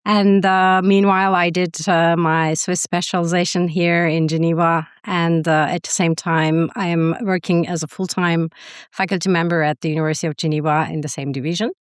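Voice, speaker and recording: Woman in her thirties, podcast guest; smooth, lowish voice, halting delivery with many fillers. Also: fairly even intonation, dry recording, clean studio sound. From Turkey. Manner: hesitant, many fillers and restarts. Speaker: guest, prosthodontist and university faculty member. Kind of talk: podcast interview answers.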